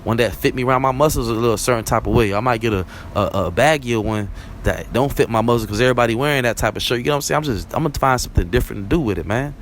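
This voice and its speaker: Speaking very fast in a mid-range voice, a young Barbadian-accented vlog host chats through a loose, conversational solo talk, frequently tossing in "you know what I'm saying?". Slight background noise can be heard.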